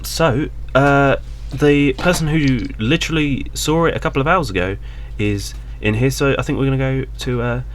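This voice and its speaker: A man hosting a casual podcast chat with friends, playful and animated, teasing the others. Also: mid-range voice, normal speed. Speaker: podcast host.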